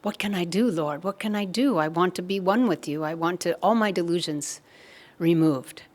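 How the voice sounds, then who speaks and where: A woman voicing an indignant, pleading young male devotee in a spiritual story, her voice raised and pushed higher. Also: moderate pace, a little mellow, close to an everyday voice. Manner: outraged then begging, voice raised.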